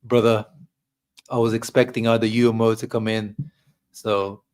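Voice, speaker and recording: A man hosting a casual football reaction show. He talks through tactics in a measured but dejected way, restarting his sentences now and then. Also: on the low side, flat delivery, a little mellow. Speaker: football channel host. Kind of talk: casual match reaction chat.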